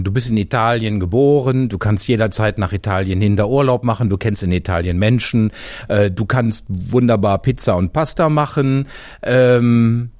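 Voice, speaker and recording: A man's voice: medium pitch, a little mellow, dry recording, clean studio sound. A man hosting an interview podcast, asking friendly, chatty questions with fillers. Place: Christmas market.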